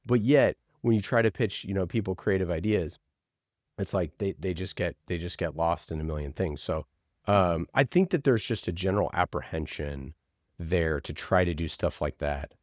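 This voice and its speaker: Deep-voiced and speaking at normal speed, a podcast producer recounts stories during an interview, keeping things informal and enthusiastic with frequent "like"s. The sound is clean studio audio with no room sound.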